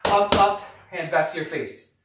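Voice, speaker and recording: A man's voice: fairly high pitch, measured pace. A middle-aged man coaching a live boxing workout with short, punchy, encouraging cues while hitting a punching bag. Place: garage gym, indoors, camera several metres away. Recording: echoey noisy garage, far from mic.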